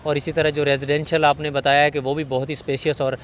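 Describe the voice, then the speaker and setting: A man's voice: on the high side, little pitch movement, fast talker, a little hiss or hum. A man with a Pakistani Urdu accent hosting a property show, polite, asking questions and adding short agreements, recorded outdoors on a lapel mic. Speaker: host.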